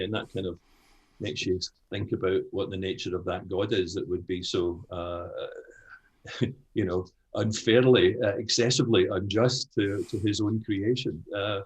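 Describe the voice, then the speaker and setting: An older Scottish man talks as an interview guest in a very low, husky voice. He is frank and animated, and he often restarts his sentences. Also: rough recording. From Scotland. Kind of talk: conversational interview.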